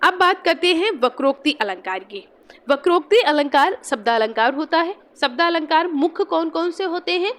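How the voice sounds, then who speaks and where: A woman's voice: very high-pitched, expressive, normal speed, fairly bright tone. A young woman teaching a Hindi exam-prep lesson, patiently repeating key points and examples.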